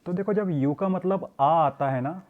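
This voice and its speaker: Man, teacher, grammar lesson, slow deliberate delivery, switches between hindi and english, middle-aged. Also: sits high, narrow, tinny audio. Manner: slow, explains in Hindi mixed with English, calls students "beta".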